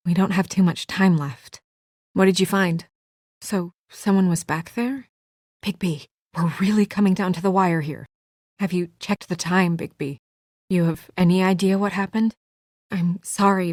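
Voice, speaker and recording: Recorded with no room sound, this earnest, guarded young female game official speaks low and a little mellow, in an unhurried way with fairly even intonation. Her naturalistic manner is businesslike but anxious and turns hesitant under stress, lending an anxious, urgent feel.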